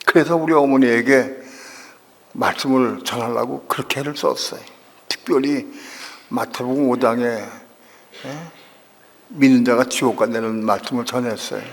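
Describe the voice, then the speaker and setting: A man's voice: mid-range voice, moderate pace, pauses often. An older male pastor preaching a sermon, telling a personal story with strong emotion and acting out the people he quotes. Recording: long reverb of a church hall.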